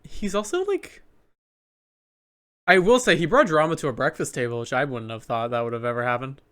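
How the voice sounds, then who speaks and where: A man's voice: medium pitch, animated, a little fast, a bit bright, clear, resonant tone. A man co-hosting a podcast, chatting casually about a reality show, laughing often and using lots of fillers. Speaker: podcast co-host.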